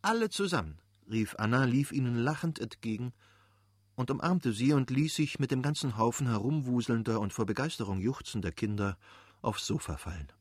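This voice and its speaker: A man reading a classic novel aloud as an audiobook narrator, measured and steady. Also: mid-range voice, no room sound, clean studio sound. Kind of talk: scripted literary narration.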